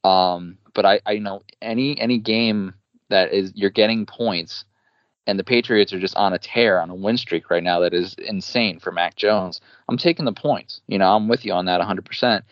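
Man, New Jersey accent, very low voice, confident and talkative, podcast guest, dull dry sound. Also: normal speed, no room sound. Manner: confident, talkative, many fillers. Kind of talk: casual sports betting chat.

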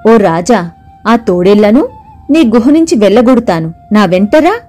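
A woman voicing a sly fox who coaxes and flatters a lion in a storybook. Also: medium pitch, unhurried, faint music behind. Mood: coaxing. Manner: coaxing, persuasive.

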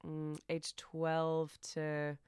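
A woman's voice: sits low, monotone, drawn-out words, darkish tone, smooth, no room sound, studio quality. An American woman in her thirties chatting as a podcast guest, rambling and self-deprecating with frequent laughter. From United States. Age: 30s. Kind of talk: casual podcast chat.

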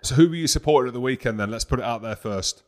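A man's voice: mid-range voice, very fast, a little mellow. A man co-hosting a podcast with casual, teasing sports banter. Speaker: podcast co-host.

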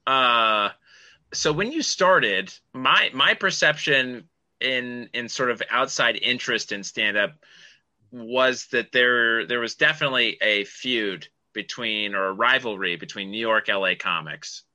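Male interviewer, very sharp bright tone at average pitch, easygoing chat with halting questions. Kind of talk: casual chat.

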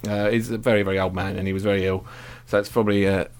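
A man's voice: low-pitched, level tone, very fast, clean tone. A man in casual football banter as a fan podcast host, blunt, exasperated and sweary.

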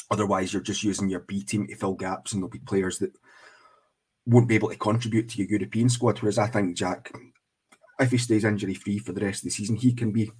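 A man's voice: lowish voice, a little mellow, husky. A Scottish man co-hosting a casual football podcast, earnestly building his argument at length. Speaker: podcast co-host.

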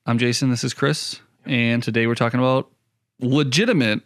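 A man's voice: medium pitch, steady tone, normal speed, dry recording, studio quality. A man co-hosting a casual medical podcast, playful and teasing. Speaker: podcast co-host, firefighter paramedic.

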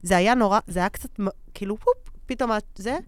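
A woman co-hosting a podcast in casual chat, telling stories with animated acted-out quotes. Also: medium pitch, no echo. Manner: animated storyteller, acts out quotes. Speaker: podcast co-host.

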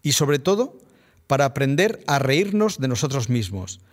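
A man with a Spanish accent hosting a podcast, reading a scripted narration in a measured, reflective way. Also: medium pitch, sing-song. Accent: Spain Spanish. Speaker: podcast host.

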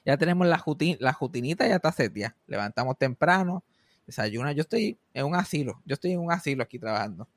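A man's voice: on the high side, animated, fast talker, no echo. A young man telling a funny family story in casual chat, swearing freely and slipping English phrases in.

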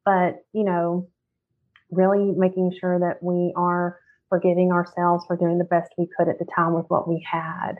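A woman's voice: on the low side, monotone, normal speed. A woman speaks earnestly about forgiveness and letting go, candid and unguarded, dropping the odd swear. Her voice comes through thin and phone-like, as if over a call. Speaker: podcast guest, forgiveness teacher. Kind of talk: casual podcast chat. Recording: tinny phone-like audio.

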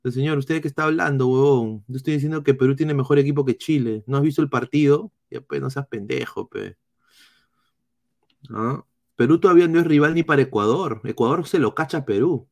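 A man with a Peruvian accent doing live football analysis, reading chat comments in a blunt, swearing style with halting restarts. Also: mid-range voice, gravelly, a little mellow. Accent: Peruvian Spanish. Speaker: football streamer.

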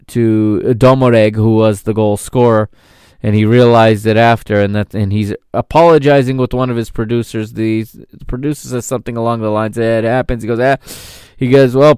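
A man's voice: mid-range voice, a little mellow, clean tone, dry recording, studio quality. A man in his thirties hosting a podcast, reflecting on an old football match in a rambling, casual way. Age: 30s. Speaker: podcast host. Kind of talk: casual retrospective football commentary.

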